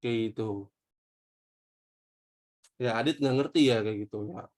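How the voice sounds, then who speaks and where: A young man teaching an online history class in a loose, joking way. He speaks with a slang flavor, throws questions at the class and answers them himself. His voice sits at an ordinary middle pitch. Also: unhurried. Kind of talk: casual online history lesson.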